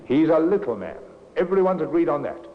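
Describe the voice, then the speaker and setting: An authoritative male inspector in a 1950s radio play. His voice sits somewhat high and swings expressively as he methodically directs a subordinate. The old recording sounds muffled. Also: sing-song, a little fast, a little hiss or hum. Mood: decisive. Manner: decisive, instructing a subordinate. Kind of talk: 1950s radio drama acting.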